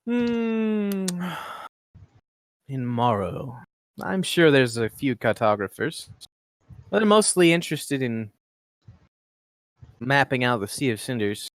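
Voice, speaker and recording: A man's voice: medium pitch, sing-song, slow, pauses often, no room sound. A man playing a dry, probing ship captain. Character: worldly male ship captain, curious and dry. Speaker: game master. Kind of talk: tabletop role-play.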